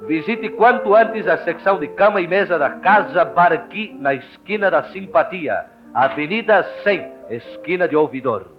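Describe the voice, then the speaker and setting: A man with a Brazilian Portuguese accent reading a radio advertisement with a persuasive, formal sales pitch. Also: animated, moderate pace, over music. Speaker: radio announcer. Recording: dull, lo-fi old radio recording.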